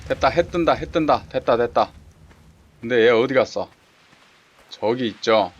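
A man's voice: mid-range voice, moderate pace, highs cut off. A man giving casual running commentary while playing a survival game, talking to himself and urging on the creatures. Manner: talks to himself and the game creatures, excited exclamations. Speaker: game streamer. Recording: clear background game noise.

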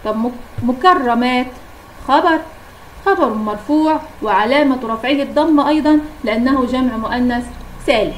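High-voiced Egyptian woman teaching grammar. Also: slight background noise, poor audio. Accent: Egyptian Arabic. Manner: asks questions then answers them, repeats examples slowly. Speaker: primary school Arabic teacher. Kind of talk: classroom grammar lesson.

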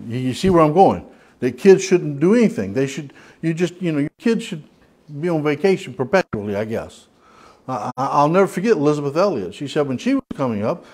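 A Southern US man with an ordinary mid-range voice and a darkish tone runs an informal Bible study in a church hall. He talks in a folksy, rambling way, circling back with restarts and fillers.

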